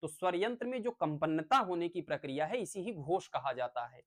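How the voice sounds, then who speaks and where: A man's voice: fairly high pitch, animated, brisk. A male teacher giving a lecture on phonics, explaining step by step with everyday examples.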